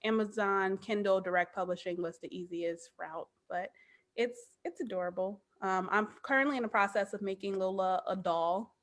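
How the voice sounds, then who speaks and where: A woman in her thirties talks as a guest on a podcast. Her pitch sits in the middle range, and she speaks with animated emphasis, leaning on "like" as she goes. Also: moderate pace. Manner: animated, emphatic, frequent "like" fillers. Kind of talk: casual chat.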